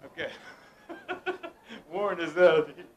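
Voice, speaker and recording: A young man from the United States plays mentalist in a room at a home gathering, playfully teasing and directing those around him during a mind-reading act. He speaks at a measured pace in a voice on the high side, and the recording's highs are cut off.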